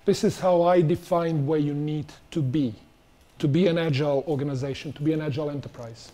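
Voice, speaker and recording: A man's voice: on the high side, fairly even intonation, a little fast, mellow. A middle-aged man giving a conversational conference talk on stage in a large auditorium, putting questions to the audience. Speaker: conference speaker.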